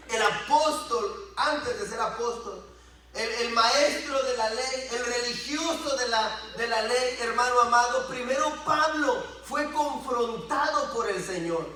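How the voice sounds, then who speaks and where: Delivering a sermon in an echoey church, a pastor with a high voice preaches with animation, his pitch climbing and dropping as he acts out dialogue. The mic is distant.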